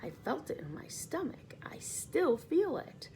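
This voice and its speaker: A woman's voice: mid-range voice, big pitch swings, measured pace, creaky, slight background noise. A woman voicing a gloomy, blind earthworm who frets in a storybook reading. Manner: gloomy, fretful.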